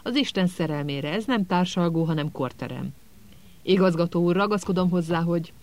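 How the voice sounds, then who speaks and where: A man's voice: fairly high pitch, lightly acted. A man voicing a stern, fussy female school nurse who scolds insistently in an audiobook. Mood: indignant.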